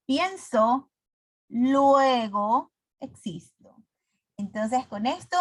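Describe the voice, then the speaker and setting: A woman teaching a grammar lesson at an unhurried, measured pace. Her voice sits somewhat high, and she works through her examples step by step with frequent filler pauses. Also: dry recording. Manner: slow, deliberate explaining with frequent "eh" fillers.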